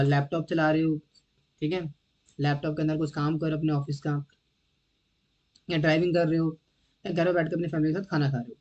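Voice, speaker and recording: A man with a fairly high voice delivers a devotional lecture. He talks conversationally, often clears his throat, and keeps checking whether his listeners are following. The recording is somewhat dull and lo-fi. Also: darkish tone. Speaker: devotional teacher.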